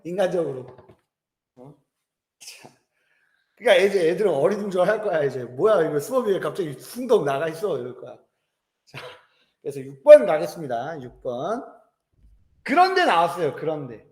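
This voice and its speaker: A man in his thirties teaching a lecture, telling stories lively, joking with students and acting out voices. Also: high-pitched, roomy sound. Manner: lively storytelling, acts out voices, jokes with students. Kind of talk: animated classroom lecture. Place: classroom.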